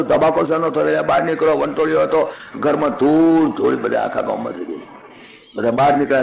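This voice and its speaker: A man giving a devotional sermon, telling a scripture story in a lively, folksy way with chuckling asides. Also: on the high side, vocal fry, roomy sound, low-quality recording.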